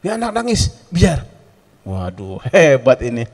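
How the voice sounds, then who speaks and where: A man's voice: mid-range voice, very animated, measured pace, in a large hall. A man preaching a sermon in a prayer room, telling stories with acted-out quotes and laughing asides.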